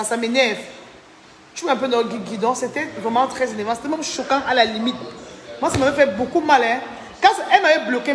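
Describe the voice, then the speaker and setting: In a large, echoey hall, a woman with a fairly high pitch chats on a live stream. Tired and indignant, she reads viewer names aloud to thank them and complains about a falling-out in casual, chatty talk.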